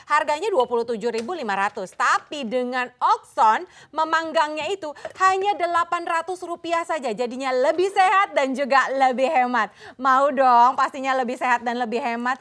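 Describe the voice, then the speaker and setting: High-pitched woman pitching an infomercial. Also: pushed and bright. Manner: gushing, exclamatory, urging viewers to buy. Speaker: infomercial host. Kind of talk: infomercial sales pitch and product demonstration chat. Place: TV studio.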